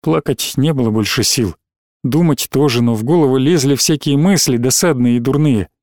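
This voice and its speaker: A man narrating an audiobook in a steady, dramatic reading style. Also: mid-range voice, moderate pace, no echo, clean studio sound.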